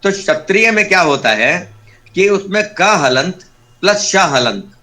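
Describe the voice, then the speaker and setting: A man's voice: sits high, lively intonation, a little slow, sharp tone. A man teaching an online Sanskrit class over a video call, patiently explaining step by step and repeating key terms.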